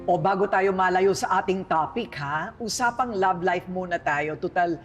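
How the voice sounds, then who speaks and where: A woman's voice: on the low side, moderate pace, big-room sound, lo-fi sound, faint music behind. A middle-aged woman hosting a casual interview, asking playful, teasing questions. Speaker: interview host.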